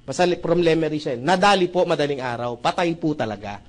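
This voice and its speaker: A man's voice: fairly high pitch, fast talker. A man presenting membership benefits to a live audience in a joking sales talk, often checking in with the crowd with rhetorical questions. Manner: jokey, with frequent rhetorical "tama ba?" checks; addresses the audience as brothers and sisters.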